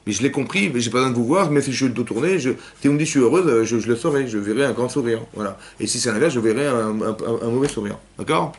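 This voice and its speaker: A man teaching a lively class to young women, asking questions and acting out cries and quotes. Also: mid-range voice, quick pace, few pauses. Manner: animated, asks questions, acts out cries and quotes. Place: synagogue hall with young women students.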